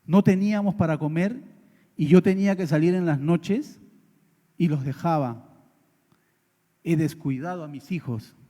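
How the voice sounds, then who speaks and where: A man, a preacher, quietly voicing a poor old woman vendor who sounds soft and resigned. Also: fairly high pitch, unhurried, pauses often, natural voice. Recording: long church reverb.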